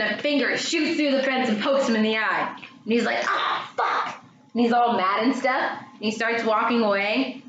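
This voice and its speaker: Woman telling spooky jokes, lively voice. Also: mid-range voice. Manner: laughs often while telling spooky jokes, swears freely. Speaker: podcast co-host. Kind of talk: casual storytelling chat. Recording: roomy, dull lo-fi sound with clear room noise.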